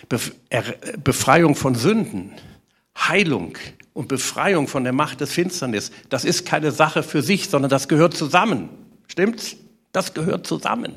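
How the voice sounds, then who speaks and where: Male preacher, husky and gravelly, lively sermon delivery with questions to the room. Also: medium pitch. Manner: animated preaching with rhetorical questions to the congregation.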